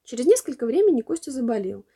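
Expressive woman reading a children's story. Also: sits high, fast talker, slightly rough. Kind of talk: storybook narration.

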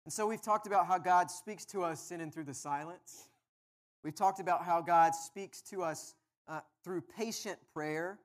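Preaching from the pulpit, a pastor speaks in a voice a little higher than most men's. He reads the scripture in a measured, earnest way, leading the congregation through a sermon. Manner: measured, earnest reading aloud.

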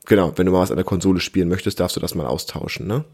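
Here a thirties-aged father co-hosts a family podcast, talking with a child in a casual way, keeping explanations simple and nudging with questions. His voice is low and a little mellow with a breathy edge, and he talks rapid-fire.

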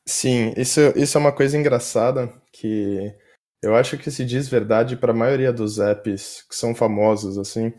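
A man with a Brazilian Portuguese accent, a software developer chatting casually as a podcast guest. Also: medium pitch, fairly even intonation, normal speed. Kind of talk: casual conversational interview answers.

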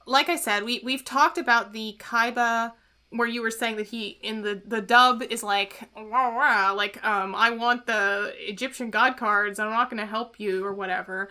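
A woman co-hosting a podcast, chatting casually and musing out loud with frequent asides. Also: fairly high pitch, fairly even intonation, normal speed. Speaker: podcast co-host.

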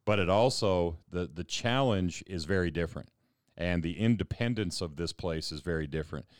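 A man's voice: deep voice, normal speed, no echo, clean studio sound. A man pastor talking thoughtfully in a casual panel discussion, often repeating words as he thinks.

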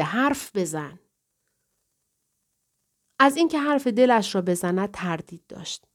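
Woman narrating a novel, calm read. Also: mid-range voice. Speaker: audiobook narrator. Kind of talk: first-person novel narration.

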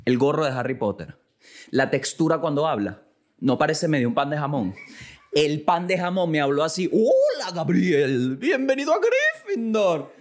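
A man with a Venezuelan accent hosting a casual comic monologue, animated and acting out little quoted exchanges, now and then breaking into loud outbursts. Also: a little high. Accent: Venezuelan Spanish. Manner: acts out dialogue in quick quotes. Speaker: podcast host.

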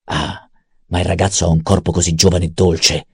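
Man doing a menacing old baron, deep dark tone, dry close mic, mocks everyone. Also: moderate pace, dry recording, full character voice. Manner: gruff, menacing, mocking. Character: cruel old scheming male baron. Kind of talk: audiobook character voice.

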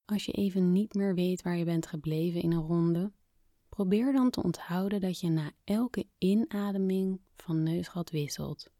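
A woman speaking softly and gently as a podcast host guiding a calming breathing exercise, with phrase endings that fade toward a whisper. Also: lowish voice, moderate pace, no echo, studio quality. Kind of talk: soft, soothing guided relaxation narration.

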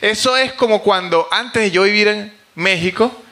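A Venezuelan man with a high, bright voice and a Venezuelan accent. He tells animated, funny stories on a live comedy podcast and swears freely. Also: normal speed. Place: theater stage before a live audience.

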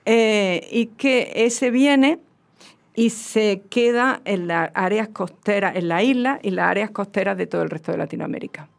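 A woman's voice: mid-range voice, unhurried, creaky. A woman with a southern Spanish accent, a guest expert explaining at length in casual chat with frequent restarts. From southern Spain. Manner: lecturing, many restarts and fillers.

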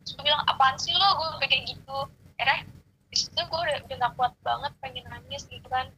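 High bright-voiced woman. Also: quick pace, a little hiss or hum, rough recording. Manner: animated, slangy, swears casually. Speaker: storyteller. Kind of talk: casual chat.

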